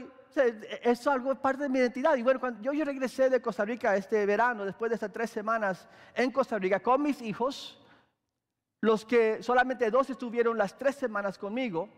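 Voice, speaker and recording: A middle-aged man preaching a conversational sermon as a pastor, with frequent fillers and restarts. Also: very high voice. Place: large church hall. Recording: echoey church hall.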